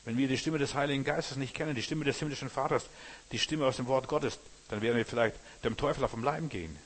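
Speaking fast in a steady, medium-pitched voice, a man delivers an earnest German-style sermon and addresses the congregation straight on as brothers and sisters.

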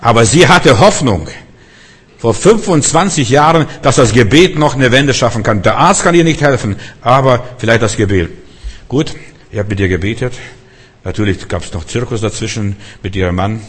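An older man preaching a sermon, telling a story and acting out the people in it, moving from soft to emphatic. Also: mid-range voice, animated, moderate pace, breathy edge. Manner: storytelling preacher, acts out quoted voices, swings from soft to emphatic. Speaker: pastor. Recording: long hall reverb.

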